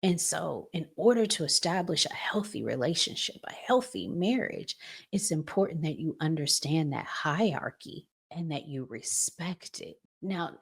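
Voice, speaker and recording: A woman hosting a relationship podcast talks to viewers in conversational opinion talk, emphatic, preachy and informal, often asking rhetorical questions in colloquial phrasing. Her voice is low, expressive and gravelly with a breathy edge, and she speaks unhurriedly.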